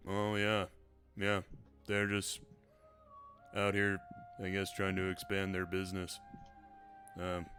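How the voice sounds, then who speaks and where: Man as a very low-voiced, bland cat shopkeeper. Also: slow, long pauses, faint music behind, full character voice. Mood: resigned. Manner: monotone, hesitant salesman patter. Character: bland, earnest male cat shop employee.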